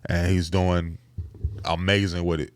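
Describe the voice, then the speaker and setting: A man co-hosting a podcast, calmly summing up and giving respect before his pick. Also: low voice, measured pace, dry recording. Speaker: podcast co-host. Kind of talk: casual debate.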